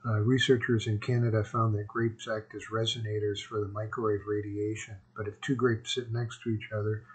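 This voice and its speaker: Low husky man, slurred from missing teeth. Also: poor audio. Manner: informal, slangy, rambling. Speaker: host of a self-made video series. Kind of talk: casual narrated explainer, partly reading aloud.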